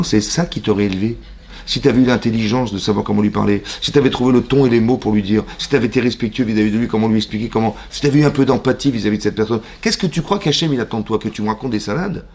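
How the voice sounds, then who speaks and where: A gravelly, fast-talking male rabbi with a lowish, darkish voice gives a lively mixed Torah class to a congregation in a synagogue classroom. He poses rhetorical questions, plays both sides of imagined dialogues, and drops Hebrew religious terms into everyday French.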